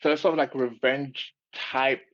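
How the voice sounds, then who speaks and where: A man's voice: mid-range voice, fairly even intonation, normal speed, fairly bright tone. Easygoing man on a muffled line. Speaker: podcast co-host. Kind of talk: casual sports chat. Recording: slightly dull lo-fi sound.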